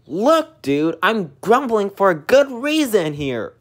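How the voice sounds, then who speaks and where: A loud, hotheaded young echidna, voiced by a woman for a homemade plush toy show. He argues insistently and defensively, and his lively voice leaps up and down. He also drags his words out slowly. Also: medium pitch.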